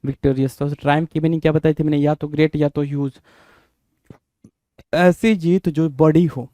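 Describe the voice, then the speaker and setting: Dry-voiced teacher drilling vocabulary. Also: male voice, a little high, fairly even intonation, moderate pace, dark tone, no room sound. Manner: repetitive, spells words out letter by letter; frequent check-ins with listeners. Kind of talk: exam-prep vocabulary lesson.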